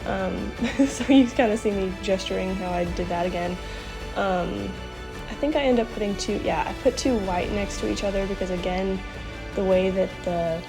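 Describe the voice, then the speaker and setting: Here the sick young art channel host sounds mid-range and creaky at a moderate pace, talking over music. Her voice is stuffy as she casually walks through her coloring in a rambling voiceover full of ums. She's indoors in a room at home, recorded on the camera mic before switching to voiceover.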